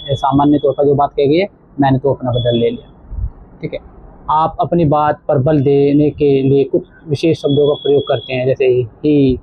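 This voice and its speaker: A male teacher explaining a textbook lesson to children, slowly repeating words for emphasis. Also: mid-range voice, breathy edge. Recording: tinny phone-like audio.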